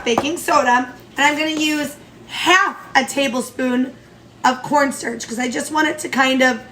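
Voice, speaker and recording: A woman with a high voice and a blocked, nasal tone from allergies talks through each step of a recipe. She sounds chatty and upbeat, like a casual home cooking vlog. A faint hum of room noise sits underneath. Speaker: home baking vlogger. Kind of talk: casual cooking tutorial chat.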